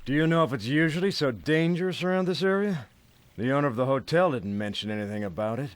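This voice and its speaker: A man's voice: medium pitch, lively intonation, fast, natural voice. A man voicing a brash, whiny, tipsy young detective in an anime dub, casual and grumbling. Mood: grumbling, suspicious.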